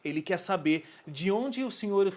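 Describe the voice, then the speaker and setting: A man's voice: high voice, expressive, moderate pace. A man hosting a TV interview, prompting his guest with questions. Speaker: TV talk show host.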